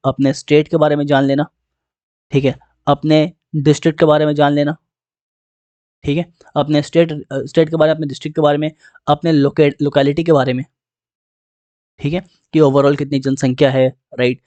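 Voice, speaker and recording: A man teaching exam aspirants in a relaxed lecture, often checking in with "theek hai" and "right" and slipping English phrases into his talk. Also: a little high, no room sound.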